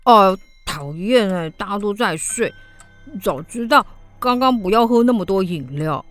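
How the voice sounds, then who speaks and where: A woman's voice: mid-range voice, lively intonation, a little slow, faint music behind, lightly acted. A woman voicing a timid young schoolboy in a children's radio drama, jittery and stammering. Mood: sleepy grumbling.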